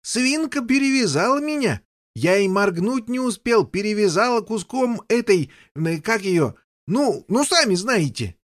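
A man's voice: high voice, big pitch swings, unhurried, no room sound, studio quality, voice pushed up. A man voicing a bumbling, overexcited king who chatters on and never lets others speak. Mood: chattering. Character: bumbling, overexcited middle-aged male king. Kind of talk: audiobook character voice.

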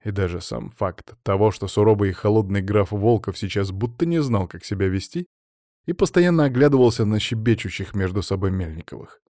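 A man giving a measured scripted narration of an audiobook. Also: fairly low pitch, animated, mellow, dry recording, clean studio sound. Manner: measured storytelling.

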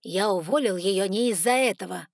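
An irritable male dragon official, read by a woman explains himself curtly in a storybook audiobook. Mid pitch, with a dry, close sound. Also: moderate pace, no room sound, natural voice. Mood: irritated.

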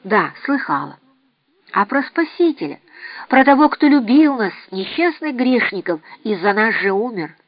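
A woman voicing a weary, bitter old woman who talks low, grim and blunt, in an audiobook reading. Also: sing-song, moderate pace. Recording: dry, slightly dull recording.

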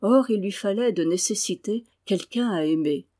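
With a warm, mid-range voice, a woman reads a classic novel for an audiobook. Her reading stays measured but lifts into emotion during the dialogue.

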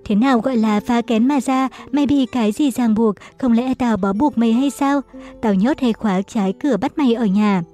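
A woman's voice: a little high, normal speed, soft background music, close to an everyday voice. Vân Tường, a raging jealous husband, read by a woman. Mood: furious. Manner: ranting, shouting insults. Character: furious jealous young husband, violent and accusing.

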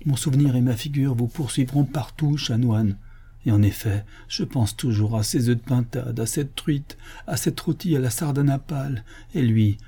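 Brief: anguished glutton of a canon, storybook reading, a man playing him, mellow and a bit husky. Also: mid-range voice, natural voice. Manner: anguished, theatrical lamenting. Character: gluttonous older male canon, lovesick for lost food. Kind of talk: audiobook reading of a classic novel.

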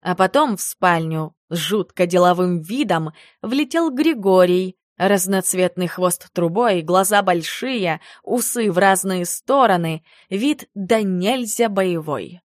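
A woman narrating a first-person audiobook in an expressive manner. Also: fairly low pitch, takes it slowly, hardly any pauses, no room sound, studio quality.

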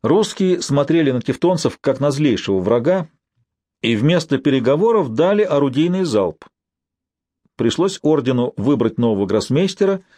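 A man narrates a historical tale in a steady, even storytelling manner. His voice sits at a middle pitch and is recorded close and dry, with no room sound around it. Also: no echo. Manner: even storytelling with quoted dialogue. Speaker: audiobook narrator. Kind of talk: scripted narration.

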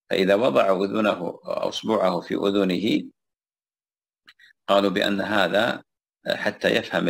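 Religious teacher, male: deep, husky voice, repeats himself while explaining a text to a class. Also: a bit bright. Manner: repeats phrases and pauses with fillers while explaining.

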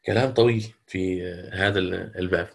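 A middle-aged man teaching the rules of Quran recitation, explaining patiently, reciting words slowly and checking that students follow. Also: deep voice, fairly even intonation, vocal fry. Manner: closes with a long supplication. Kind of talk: lecture on Quranic reading rules.

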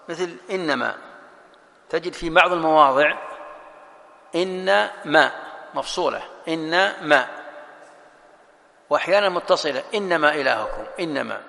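A man's voice: mid-range voice, creaky, pushed and bright, big-room sound. A sheikh lecturing on a religious text, explaining it point by point and asking and answering his own questions.

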